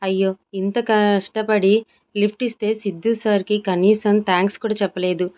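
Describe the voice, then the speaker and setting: A woman's voice: medium pitch, level tone, moderate pace, lo-fi sound, close to an everyday voice. A woman voicing a flustered young office worker. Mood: worried. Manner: fretful, talking to herself.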